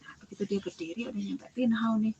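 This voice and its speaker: A young woman giving a spoken personal testimony, telling her story with lively acted-out dialogue and sudden drops into whispers. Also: medium pitch, fast talker, highs cut off, a little hiss or hum. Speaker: testimony giver.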